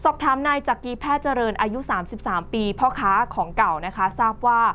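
A woman's voice: fairly high pitch, brisk, a little hiss or hum. A woman presenting the news in a conversational reading style, with frequent polite particles. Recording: slightly dull recording with faint music behind.

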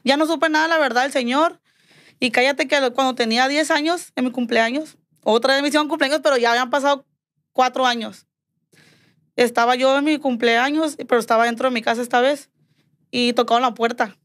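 Speaking a little fast in a high voice with no room sound, a Mexican podcast guest relates a personal story. It's a casual storytelling chat. She's animated, performing the quoted lines and saying "me dijo" over and over.

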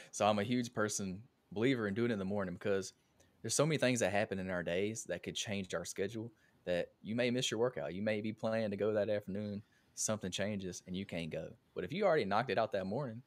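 A man's voice: deep voice, no echo. A man hosting a podcast interview, talking in an earnest, conversational way about his own habits. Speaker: podcast host.

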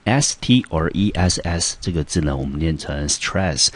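A man's voice: a bass voice, expressive, moderate pace, husky. A man from Taiwan teaching English vocabulary in Mandarin with a Taiwanese accent, explaining each word patiently and step by step. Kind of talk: vocabulary lesson.

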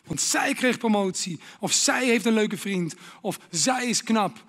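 High-voiced Dutch preacher, dramatic. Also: male voice, measured pace, a bit bright, big-room sound. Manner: dramatic, acts out inner voices, drops to whispers. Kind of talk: sermon.

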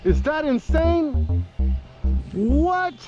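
A young man giving excited running commentary while fishing from a kayak outdoors, recorded on an action camera. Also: very high-pitched, very slow, dull audio. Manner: excitable, exclaiming, talks to viewers. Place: kayak on open shallow water outdoors. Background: music.

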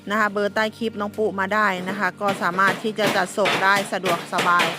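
A woman's voice: mid-range voice, little pitch movement, fast talker, loud music behind the voice. A middle-aged woman talking casually to her viewers, polite and chatty, with many fillers and restarts. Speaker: vlogger. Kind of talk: casual vlog chat to viewers.

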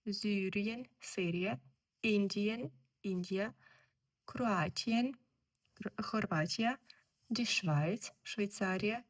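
A woman teaching German, explaining textbook exercises slowly and repeating each word. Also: mid-range voice. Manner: slow, deliberate, repeats words.

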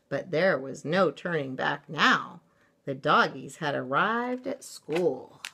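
A woman reads a children's picture book aloud, taking her time and stretching words for effect. Her voice is bright and sits a little low, yet it swings widely in pitch. She sounds relaxed and deliberate throughout. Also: creaky, breathy edge. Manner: expressive and unhurried, drawn-out words. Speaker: storyteller.

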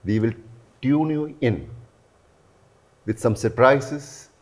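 A man's voice: medium pitch, slow pace. Male journalist host. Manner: earnest, promotional, with frequent "you know" fillers. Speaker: host, aerospace and defense journalist. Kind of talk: promotional interview chat. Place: living room, indoors.

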